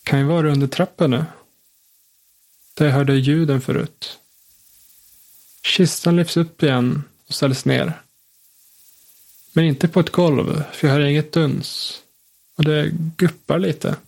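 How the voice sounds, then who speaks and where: A man telling a suspenseful first-person story in a calm, measured way. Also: a little high, gravelly.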